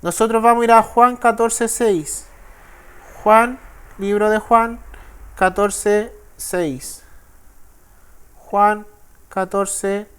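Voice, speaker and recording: A man with a Chilean Spanish accent, a pastor teaching the Bible in a sermon. He reads verses slowly and keeps checking with listeners. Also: high-pitched, clear, resonant tone. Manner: frequent tag questions, slow deliberate verse reading.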